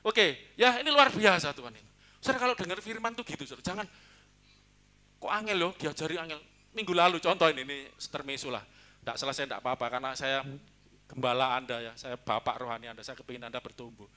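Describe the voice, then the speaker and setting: A man preaching a sermon as pastor, talking in a lively, joking way. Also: mid-range voice, fast talker. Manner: lively, joking, mixes in Javanese.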